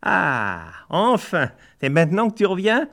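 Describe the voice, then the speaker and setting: A man putting on a bossy female blackbird from a storybook, sharp and nagging, her voice pitched well above his own. She barks orders and scolds without pause. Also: very animated.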